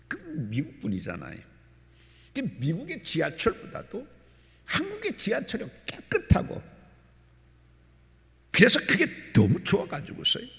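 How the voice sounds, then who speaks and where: Male pastor, Sunday sermon, bright and forceful, hushed asides breaking into loud exhortation, long church reverb. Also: mid-range voice, creaky. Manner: dramatic storytelling, sudden swings between quiet asides and loud exhortation. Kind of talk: Sunday sermon with a told story. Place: church sanctuary.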